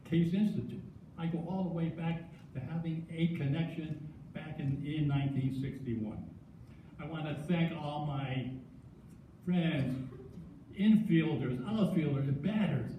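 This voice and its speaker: A man's voice: fairly high pitch, phone-quality sound, a little hiss or hum. Older man stuttering through an acceptance speech. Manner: stutters, halting restarts and self-deprecating humor. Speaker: hall of fame inductee. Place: large hall with long echo. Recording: echoey hall, distant mic.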